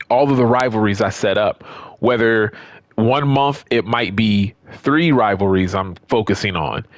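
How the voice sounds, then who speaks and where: A gaming video creator talks casually and off the cuff about a video game, stressing points emphatically by repeating words. His voice is medium-pitched, with no room sound in the recording.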